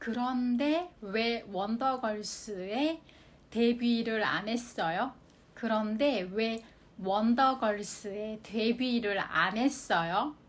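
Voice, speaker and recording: A woman hosts a language lesson with a fairly high voice and a quick overall pace. She reads example sentences slowly and carefully, then repeats them. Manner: slow, careful repetition of example phrases. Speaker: Korean language teacher.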